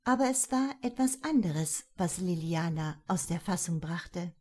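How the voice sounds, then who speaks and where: A woman narrating a novel in an expressive, lively reading voice. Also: fairly low pitch, a little slow. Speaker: audiobook narrator.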